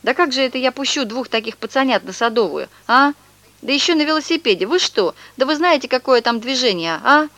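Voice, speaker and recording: A woman's voice: mid-range voice, lively intonation, moderate pace, fairly bright tone, no room sound, lightly acted. A woman reading aloud and voicing a tall young male swindler who sobs, wails and talks in slang, in a storybook reading. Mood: agitated. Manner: theatrical sobbing and wailing, slangy.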